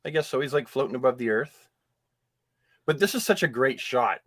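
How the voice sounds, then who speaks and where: A man co-hosting a casual chat, jokey and animated, laughing often as he reacts to a trailer. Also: mid-range voice, normal speed. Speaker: podcast co-host.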